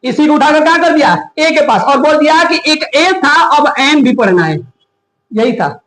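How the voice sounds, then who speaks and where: Male grammar teacher, classroom lecture, high pitch, roomy echo, quizzes students constantly. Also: moderate pace. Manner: questions the class often, animated.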